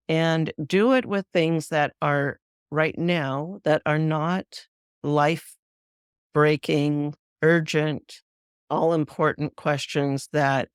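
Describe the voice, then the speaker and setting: A woman hosting a spiritual podcast, calmly explaining a practice step by step in an instructive solo talk. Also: low-pitched, smooth, no echo, clean studio sound. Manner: calm, measured, guiding explanations. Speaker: spiritual teacher, podcast host.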